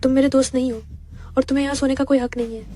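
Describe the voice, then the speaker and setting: A woman's voice: high-pitched, little pitch movement, rapid-fire, mellow, faint music behind, lightly acted. An actress dubbing a feisty young female secretary who is defiant and easily flustered. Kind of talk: dubbed drama dialogue.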